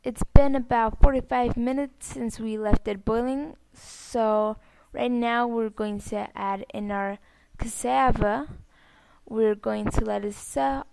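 A woman's voice: a little high, gravelly, darkish tone, clear, resonant tone, no echo, poor audio. A woman narrating a recipe step by step as a cooking host. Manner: plain step-by-step instructing.

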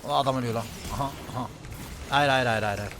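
A male streamer giving live, excitable commentary on his own gameplay, often shouting and repeating words in quick bursts. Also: mid-range voice, background noise.

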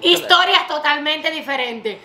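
Bright-voiced Cuban woman vlogging. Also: high-pitched, expressive, a little slow, faint music behind. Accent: Cuban Spanish. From Cuba. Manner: chatty and laughing, mixing in English words. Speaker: vlogger, channel co-host. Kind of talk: casual chat. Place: home kitchen, indoors.

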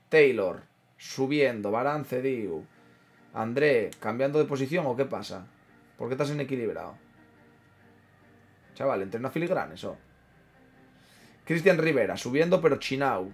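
A man's voice: mid-range voice, animated, moderate pace, pauses often, breathy edge. A man, a gaming streamer chatting casually over a football management game, muttering to himself and reading out chat. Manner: banters, mutters, reads chat aloud. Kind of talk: casual gameplay commentary.

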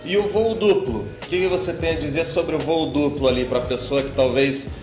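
Brazilian male interviewer, fairly high voice, echoey. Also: a little fast, music in the background. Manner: informal prompting questions with hesitations. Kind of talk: interview questions.

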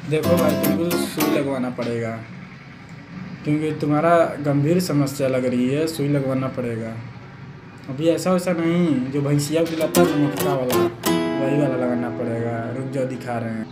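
A man's voice: medium pitch, normal speed, over loud music. Brash joking man playing a village doctor. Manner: brash, teasing, coarse banter. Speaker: comedy sketch actor. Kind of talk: rustic comic sketch.

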